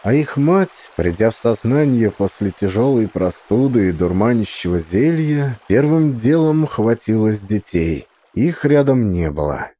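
A man narrating a story with an expressive, dramatic reading. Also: on the low side, measured pace, few pauses.

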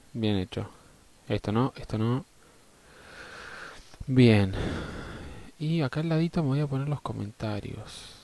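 A man's voice: on the low side, warm tone. A man with an Argentine Spanish accent chatting casually and swearing as a live game streamer, often muttering to himself.

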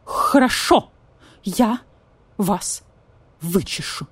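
A woman's voice: medium pitch, lively intonation, extremely slow, slightly rough, no echo, heavily acted. A stern vulture police officer who bristles with indignation, as a woman puts him on. He talks in a clipped, emphatic way, raised above the narrator's normal voice. It is storybook animal-detective acting. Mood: indignant.

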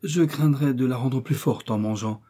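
A man voicing a stern old Swedish governess who speaks hoarsely and solemnly, in an audiobook reading. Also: medium pitch, moderate pace, warm tone, natural voice. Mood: severe.

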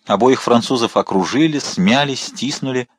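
A man narrating a historical adventure audiobook in an expressive, dramatic manner. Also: mid-range voice, moderate pace, husky, dry recording, clean studio sound. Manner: expressive, shifting to voice the characters.

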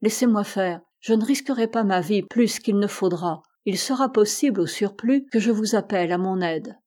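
A woman reading the lines of a brave, commanding male polar captain in a calm, firm voice. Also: medium pitch, normal speed, natural voice. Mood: resolute.

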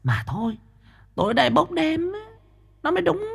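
A woman's voice: sing-song, normal speed, gravelly, crowd noise, full character voice. A sly whispering woman medium. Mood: whispering, scheming. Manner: hushed high whisper, teasing. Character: scheming young woman spirit medium, greedy, cheeky.

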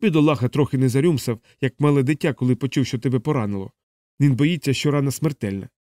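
A man reading a novel aloud, voicing a good-natured pilot who calmly tends a wounded crewmate. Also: mid-range voice, quick pace, no echo, studio quality, natural voice. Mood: calm reassuring. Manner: calm and reassuring.

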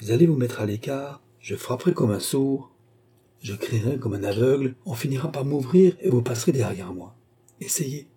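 A man with a husky voice reading a bold, commanding young prince in a period novel audiobook. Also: mid-range voice, expressive, normal speed, warm tone. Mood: confident.

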